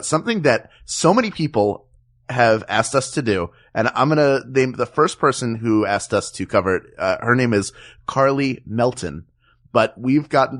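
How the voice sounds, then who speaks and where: A man co-hosting a comedy podcast, talking casually with a joking, rambling manner and plenty of fillers. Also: medium pitch. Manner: rambling, jokey, many fillers. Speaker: podcast co-host. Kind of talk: casual chat.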